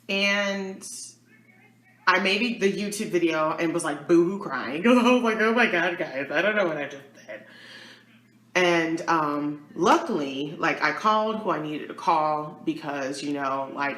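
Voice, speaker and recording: A woman telling a storytime on her vlog, chatty and animated, acting out what people said with big jumps in pitch. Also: roomy sound. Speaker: YouTuber and kindergarten teacher.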